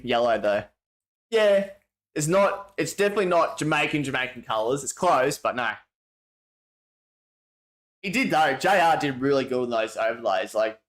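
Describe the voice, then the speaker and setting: An Australian man hosts a livestream in a mid-range, slightly bright voice, reading out viewer messages as he goes. His chat is casual, rambling and full of slang, and he often restarts his sentences.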